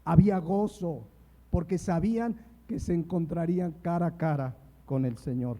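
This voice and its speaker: A man's voice: fairly high pitch, normal speed, warm tone. A man preaching a sermon, reading scripture aloud and retelling it with emphasis. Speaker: pastor.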